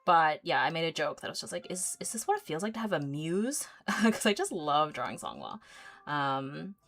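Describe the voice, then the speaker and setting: A woman's voice: sits low, very animated, moderate pace, a bit bright. A woman in her thirties hosting an art livestream, chatting casually as she paints, rambling with lots of fillers and easy giggles. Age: 30s. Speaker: artist livestream host.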